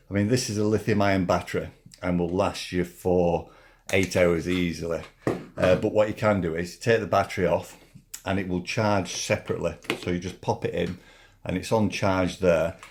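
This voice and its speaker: A man with a low voice talks through a hands-on product demonstration. His delivery is casual and a little halting, and he repeats himself as he works through each step. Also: a little mellow. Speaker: product reviewer.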